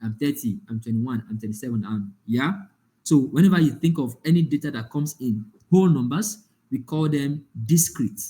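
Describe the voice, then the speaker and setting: A man's voice: medium pitch, moderate pace, warm tone. A man teaching a live online data analytics class, explaining with examples and often checking that the class follows. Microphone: online call.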